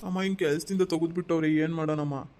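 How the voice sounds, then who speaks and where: A man's voice: on the high side, steady tone, fast talker, a little mellow, slight background noise, close to an everyday voice. An actor playing a dejected man who just lost his job, gloomy and resigned. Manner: gloomy, resigned, repeating himself. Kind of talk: amateur family drama skit.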